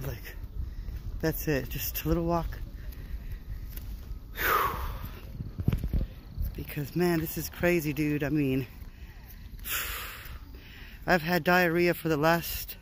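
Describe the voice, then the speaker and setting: Brief: high-voiced male vlogger, worn-out and fed up, cursing and sighing outdoors, faint hiss behind him. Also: rough recording. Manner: weary, frustrated, sighing, profane, drawn-out phrases. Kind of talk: casual vlog talk. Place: outdoors on a short walk.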